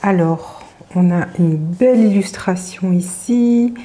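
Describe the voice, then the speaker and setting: A woman's voice: lowish voice, takes it slowly, warm tone. A woman hosting a casual tarot unboxing vlog, chatting with many fillers and throwing in English words. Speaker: tarot channel host.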